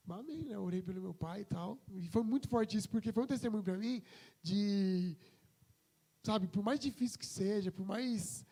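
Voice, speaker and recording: Young male pastor from Brazil, higher-pitched, casual testimony preaching. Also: vocal fry, warm tone. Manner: conversational storytelling, acts out quoted voices. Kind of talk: informal testimony sermon.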